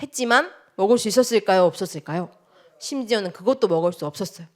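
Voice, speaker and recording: A woman teaching a children's sermon, telling a story and asking the children many questions in a lively, expressive way. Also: mid-range voice, fast.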